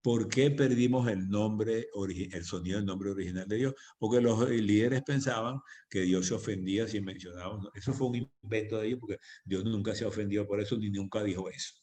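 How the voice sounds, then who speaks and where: A man's voice: lowish voice, fairly even intonation, fairly quick, few pauses, warm tone. A man preaching as pastor in a church, teaching on prayer with emphatic repetition. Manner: emphatic, repeats phrases for stress.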